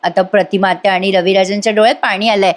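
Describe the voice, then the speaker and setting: A woman's voice: mid-range voice, steady tone, fast. A woman recapping a TV serial episode in a chatty voice-over, talking directly to her viewers. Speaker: TV serial reviewer.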